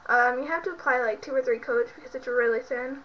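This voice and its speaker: A young woman with a cold talks fast in a high voice, rambling casually with lots of fillers as she shows off beauty products on her vlog. She's in her bedroom at home, congested and clearly sick. Her built-in webcam mic makes the audio muffled and lo-fi, with a little hiss or hum.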